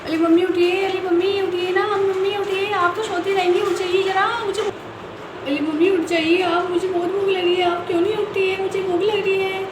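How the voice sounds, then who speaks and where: A woman voicing a spoiled, mischievous little girl who whines loudly at her mother, recorded in a roomy, noisy space. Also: very high voice, little pitch movement, normal speed, recorded from a distance, pitched above the performer's own voice. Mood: whiny. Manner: whiny and loud.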